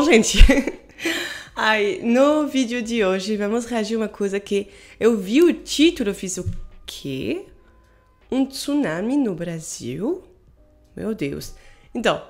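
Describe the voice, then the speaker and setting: A young woman from France speaking with a French accent, sounding stuffy from a cold, chatting casually and laughing as she hosts a reaction video. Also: a little high. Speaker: YouTube reaction host.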